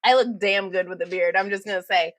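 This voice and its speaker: A woman's voice: mid-range voice, fairly quick, no room sound, rough recording. A woman hosting a craft vlog at home, chatting casually and laughing often. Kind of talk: casual chat.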